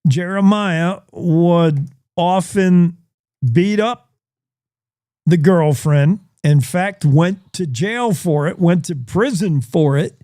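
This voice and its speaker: A man's voice: high voice, slow pace, warm tone, no room sound, studio quality. A man hosting a news show, giving folksy, opinionated commentary and repeating his points.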